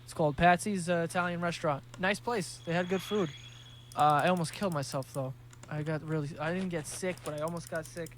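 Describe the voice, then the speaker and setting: A man's voice: a little high, steady tone, fairly quick, fairly bright tone, a little hiss or hum. Profane rambling New guy. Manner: profane, rambling, jokey storytelling. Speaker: podcast host. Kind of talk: casual podcast monologue.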